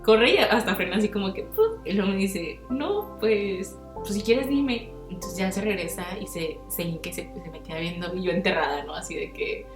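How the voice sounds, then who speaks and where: A young Mexican woman hosts a podcast, telling a personal story in casual, slangy chat with music playing behind her. Her voice is fairly low and fast with few pauses, the room reverberant, and she acts out what people said with big, animated swings in her voice.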